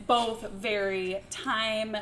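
Woman audience member over a loud crowd. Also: a little high, fairly even intonation, very slow. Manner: eager, explanatory, somewhat hesitant. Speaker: audience member giving a reading. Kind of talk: casual chat at a live event. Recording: loud crowd noise around her.

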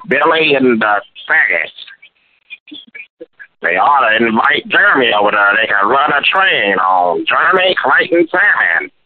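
A man's voice altered by a voice changer, drawling slowly in a jeering, taunting rant. It comes through a thin, tinny telephone line with a dry, close sound and no room around it. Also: mid-range voice, no room sound. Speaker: anonymous caller.

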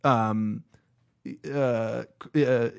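Casting: male podcast co-host, casual, heated and profane, mid-pitched. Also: fairly even intonation, drawn-out words, creaky, smooth. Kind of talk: casual chat.

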